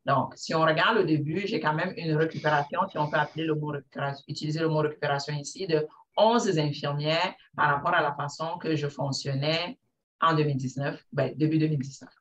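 A woman's voice: low-pitched, steady tone, brisk, far from the mic, lo-fi sound, a little hiss or hum. A woman with a Quebec French accent giving a seminar talk about how she manages an operating room, explaining step by step with frequent fillers and restarts. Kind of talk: seminar presentation.

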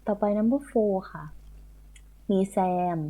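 A woman's voice: medium pitch, lively intonation, extremely slow, mellow, husky. A woman teaching a primary school English lesson online, patiently repeating and spelling words letter by letter. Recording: tinny phone-like audio.

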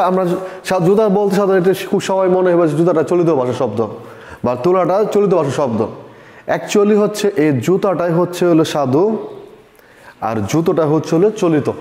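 Higher-voiced male teacher in an echoing room. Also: warm tone. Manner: explanatory, repeats points, asks rhetorical questions. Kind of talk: classroom lecture. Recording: echoey room with long reverb.

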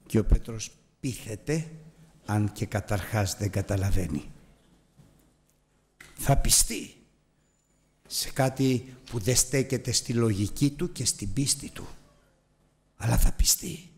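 Man, preacher, sermon, loud high outbursts, hushed prayerful asides. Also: pauses often.

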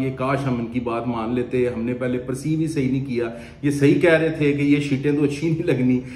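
A renovation company owner in his forties, with a Pakistani Urdu accent, sits at an office desk and earnestly gives renovation advice straight to camera in a conversational way. His mid-range voice is a little mellow, and the echoey room adds faint ambience and slight background noise.

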